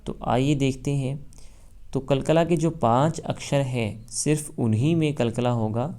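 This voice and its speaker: Tutor, male, smooth resonant voice, slow loud spelling drills with quick explanations. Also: medium pitch. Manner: spells letters slowly and loudly, then explains quickly. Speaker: Quran recitation teacher. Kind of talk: Quran reading lesson, spelling drills.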